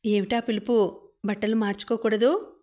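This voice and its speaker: A wary, mildly sulky young wife from an audiobook novel, read by a woman narrator. Her lines are curt and come with a flat, level pitch. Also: normal speed, lightly acted.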